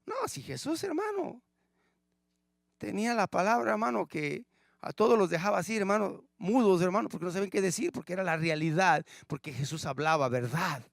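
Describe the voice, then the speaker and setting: A man preaching a sermon who keeps calling listeners brother and asking rhetorical questions, swinging between loud emphatic lines and hushed low asides. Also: quick pace, creaky, no room sound. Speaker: pastor.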